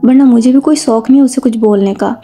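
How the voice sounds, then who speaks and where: A woman's voice: on the high side, brisk, mellow, faint music behind. A woman voicing a protective mother who scolds insistently out of worry. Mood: scolding. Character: stern worried mother, protective and quick to anger.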